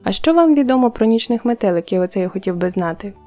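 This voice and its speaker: Woman narrator as a dim, gentle, fussy old collector creature, muttering, mellow. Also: mid-range voice, lively intonation, quick pace, soft background music, natural voice. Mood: grumpy. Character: slow, mild old male Hemulen collector.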